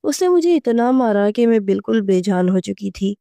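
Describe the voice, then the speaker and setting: Woman reading a romance audio novel, mellow warm voice, steady, dry close mic. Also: medium pitch, vocal fry, no room sound. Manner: steady, even storytelling. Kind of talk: scripted first-person story narration.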